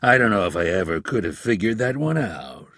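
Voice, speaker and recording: A man voicing a gruff, sardonic veteran FBI agent with a deep, gravelly voice and a skeptical, teasing manner. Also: sing-song, brisk, a bit bright, dry recording, studio quality, heavily acted. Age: older.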